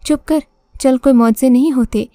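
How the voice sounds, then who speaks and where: A woman's voice: sits high, warm tone, no room sound, faint music behind, close to an everyday voice. A woman doing a drunken, bullying brute of a man. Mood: menacing. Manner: coaxing, then bullying. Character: crude, drunken male debt collector, menacing.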